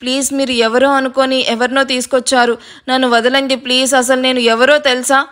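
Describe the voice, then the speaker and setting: A woman's voice: high-pitched, level tone, brisk, fairly bright tone. A woman voicing a frightened young woman who tearfully begs her kidnappers. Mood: pleading. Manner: tearful, begging.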